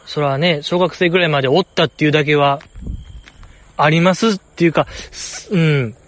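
A young man from Osaka, Japan, chats casually on his own in a fairly high voice at normal speed, his Osaka accent clear. He rambles in a playfully earnest way.

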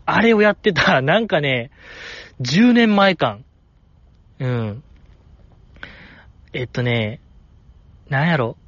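A man hosting a podcast, chatting casually on his own in a rambling, animated way. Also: on the high side, slow pace, pauses often, no echo, highs cut off. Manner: rambling, animated, with frequent laughs. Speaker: podcast host. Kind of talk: casual solo chat.

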